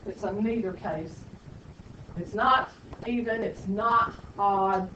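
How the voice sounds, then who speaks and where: A woman's voice: mid-range voice, slow pace, pushed and bright, a little hiss or hum. A woman math teacher, lecturing a classroom with playful, sarcastic teasing of her students. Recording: echoey classroom, distant lo-fi mic.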